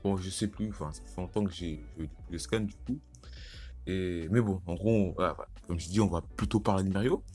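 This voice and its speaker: A teenage guy chatting casually about an anime, excitable and slangy, rambling with lots of restarts. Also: low voice, a little fast, soft background music. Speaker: YouTuber. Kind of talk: casual anime commentary vlog.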